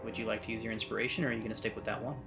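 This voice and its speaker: A man's voice: on the low side, flat delivery, rapid-fire, gravelly. Man narrating as game master over music. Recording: music playing behind. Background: background music.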